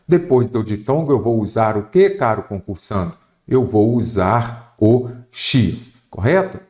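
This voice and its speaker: A man's voice: medium pitch, darkish tone. Man teaching grammar with rhetorical questions. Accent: Brazilian Portuguese. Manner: didactic, asks and answers his own questions. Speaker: exam prep teacher.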